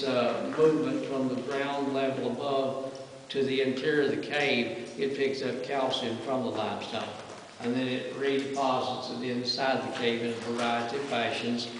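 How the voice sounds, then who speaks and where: A man working as a cave tour guide, chatting informally and folksily to his group and often checking in with them. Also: mid-range voice. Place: inside a large cave chamber. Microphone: distant handheld camera in the tour group. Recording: echoing cave, distant mic, noisy.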